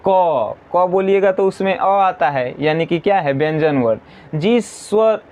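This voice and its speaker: A man teaching an exam-prep grammar lesson, slowly repeating definitions and answering his own questions. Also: high-pitched, lively intonation, a little mellow, lo-fi sound.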